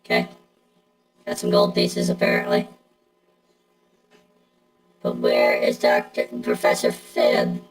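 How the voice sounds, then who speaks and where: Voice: very deep voice, completely flat delivery, takes it slowly, long pauses. A middle-aged game streamer talking through a robot voice effect, chatting casually and answering viewers bluntly. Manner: blunt, talks back to chat. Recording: echoey room with game music.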